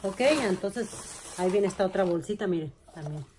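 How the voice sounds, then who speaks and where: A woman vlogging casually as she unboxes finds, gushing with excitement and calling to her viewers. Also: mid-range voice, moderate pace, slight background noise.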